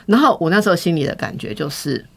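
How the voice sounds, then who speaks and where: A woman telling a personal story in casual podcast chat, candid and animated, acting out the quoted lines. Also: fairly low pitch, fast, gravelly, slightly rough.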